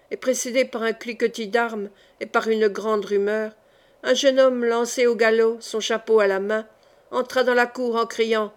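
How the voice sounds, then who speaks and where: A woman narrates a historical novel aloud in the manner of an audiobook. Her voice sits a little high for a woman, and she reads with dramatic flair. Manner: dramatic reading, raising her voice for shouted lines. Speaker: audiobook reader.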